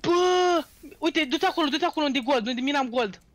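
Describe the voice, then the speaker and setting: A man's voice: very high-pitched, no room sound. A man playing a game with a streamer, giving orders and teasing in casual chat. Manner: bossy, teasing, shouts instructions. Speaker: co-player. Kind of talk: casual live gameplay chat.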